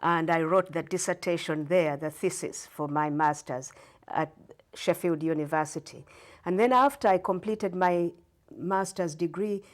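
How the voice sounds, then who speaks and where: A middle-aged woman from Uganda, a guest professor answering interview questions in a measured, explanatory way. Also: on the low side. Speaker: guest storyteller and English professor.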